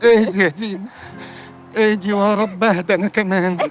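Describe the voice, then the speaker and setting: An actor playing a glib, rambling comic meddler in an Egyptian drama, talking with an Egyptian accent. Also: male voice, sits high, steady tone, soft background music, lightly acted. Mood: mock-earnest. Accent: Egyptian Arabic. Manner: fast comic rambling, mock pleading.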